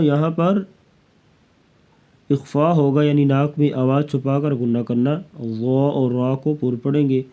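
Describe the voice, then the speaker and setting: A man teaching Quran recitation rules, chanting verses slowly and melodically and then explaining each rule quickly. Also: mid-range voice, warm tone. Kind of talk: tajweed lesson, slow recitation between quick explanations.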